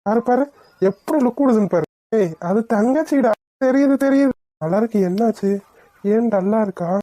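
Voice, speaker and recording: Woman voicing joking cartoon guys, mellow tone, bit high, mocking banter, dry sound. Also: lively intonation, moderate pace, no room sound. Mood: teasing. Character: teasing young men at a family function. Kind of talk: cartoon voice acting.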